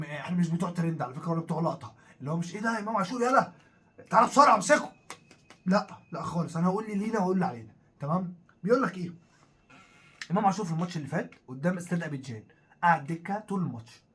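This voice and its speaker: A man with an Egyptian Arabic accent, co-hosting a casual football talk show, animated and full of fillers as he goes over the story. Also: on the high side, husky. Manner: animated, repetitive, thinks aloud with many fillers. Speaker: co-host of a football talk channel.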